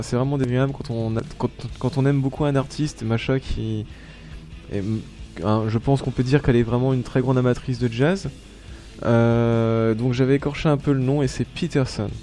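A man hosts a relaxed radio show, talking in a mellow, darker tone and pausing often to hunt for his words. Faint music plays behind his voice. His pitch sits in an ordinary middle range. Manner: hesitant, many filler sounds and restarts. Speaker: web radio host. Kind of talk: casual live radio chat between songs.

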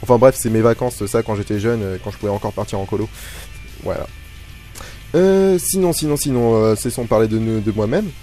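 Over a faint music bed, a man hosts a casual live web radio show on a studio microphone, rambling, mocking himself and hesitating a lot. His voice is fairly low, brisk and warm.

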